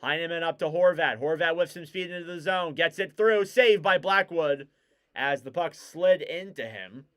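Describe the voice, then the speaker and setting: A man giving casual live play-by-play commentary on a hockey game, getting louder and keener on the big plays. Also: on the high side, moderate pace, clean tone.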